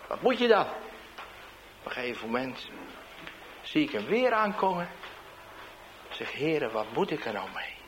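A man, a street evangelist, tells a testimony in an animated storytelling way, swinging between loud bursts and hushed asides. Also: a little high, moderate pace, long pauses, a little hiss or hum, rough recording.

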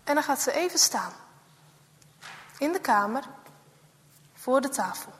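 A woman with a very high voice tells a children's story with lively, dramatic expression. She sinks to a whisper at tense moments, and her voice rings out in a long reverb. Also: unhurried.

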